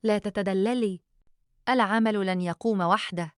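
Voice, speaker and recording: A woman's voice: mid-range voice, normal speed, smooth, dry recording, clean studio sound, natural voice. A woman voicing a cold, domineering older mother-in-law who talks in a curt, dismissive way.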